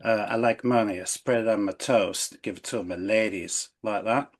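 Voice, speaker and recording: A man's voice: on the low side, moderate pace, close to an everyday voice. A man voicing a boastful, money-loving male influencer caller in a hammy put-on accent.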